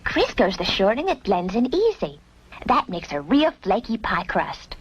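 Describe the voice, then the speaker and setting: A woman's voice: mid-range voice, sing-song, normal speed, husky, dull audio, faint music behind. A woman playing a proud, pleased homemaker with cheerful salesmanship, in TV commercial dialogue. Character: proud, pleased homemaker showing off her baking.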